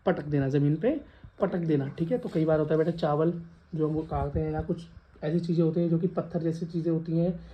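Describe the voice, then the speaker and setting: A man's voice: on the high side, fairly even intonation, fairly quick, lo-fi sound. A male teacher with a Western Uttar Pradesh Hindi accent giving a classroom science lecture, calling students beta and asking questions to the class. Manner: addresses students as beta, asks and repeats questions.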